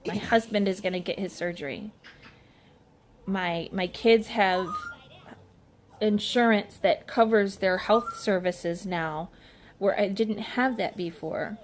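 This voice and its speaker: A middle-aged mother talks emotionally in a casual personal vlog, rambling and often restarting her sentences. She takes it slowly in a medium-pitched voice, with faint noise in the background.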